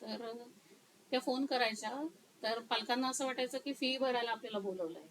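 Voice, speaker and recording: A woman counselor talking through her career in an interview, slow and thoughtful with many pauses. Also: fairly high pitch, rough recording.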